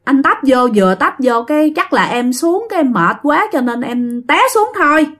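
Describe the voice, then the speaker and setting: Woman playing a patient young man, gentle, reassuring. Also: sits high, big pitch swings, normal speed. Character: patient young man soothing his friend.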